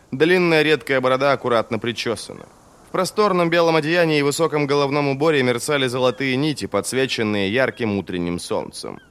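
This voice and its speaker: A male narrator reading a novel aloud in a measured, expressive way. His voice sits at an ordinary middle pitch and moves steadily through the prose. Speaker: audiobook narrator. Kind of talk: scripted narration.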